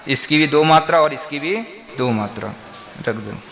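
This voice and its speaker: A man's voice: fairly high pitch, normal speed, fairly bright tone. A man, a monk, teaching a class on verse meter, breaking words into syllables and quizzing his listeners.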